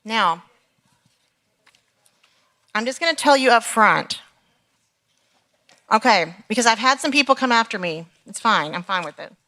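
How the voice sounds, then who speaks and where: A woman with an American accent, leading a church teaching session in a chatty, playful way, laughing often and rising high when excited. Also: unhurried, pauses often. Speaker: women's ministry leader. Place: church meeting room.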